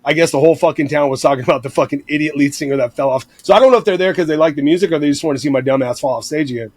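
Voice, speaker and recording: Talking very fast in a slightly high voice, a former lead singer in his thirties spins profane, rowdy tales from touring as an animated storyteller on a laid-back podcast. The recording has no room sound.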